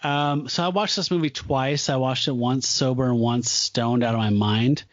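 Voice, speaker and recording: A man's voice: mid-range voice, fairly even intonation, normal speed, no echo, dull audio. A man hosting a casual podcast chat about a film, rambling loosely and laughing often. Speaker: podcast host.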